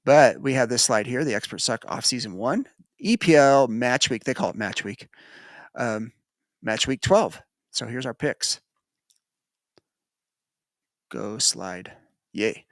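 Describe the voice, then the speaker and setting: A man's voice: mid-range voice, a little slow, dry recording, studio quality. A man from the United States hosting a casual sports betting podcast, rambling and correcting himself as he goes. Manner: rambling, self-correcting, chuckles. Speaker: podcast host.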